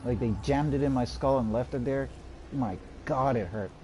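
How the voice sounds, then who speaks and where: A man's voice: medium pitch, normal speed, background noise. A man streaming a game live, muttering to himself as he plays and drifting into rambling stories. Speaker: gaming streamer. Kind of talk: live gameplay commentary.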